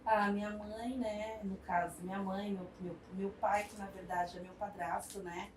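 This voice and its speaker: In an interview, a Brazilian woman in her forties from São Paulo, who works on a community project, shares her life story with small hesitations and thoughtful pauses. Her pitch is medium and her intonation fairly even, her manner warm and reflective with frequent tag questions. Crowd noise and faint background sound carry into an echoey room picked up by a distant mic.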